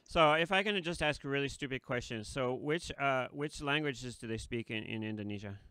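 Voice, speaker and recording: A man's voice: mid-range voice, a little fast, crowd noise. A man hosting a casual interview, chatty and often laughing, on a desk mic with headphones in a small studio. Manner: chatty, laughs between remarks, many fillers. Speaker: host. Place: small studio with red curtain.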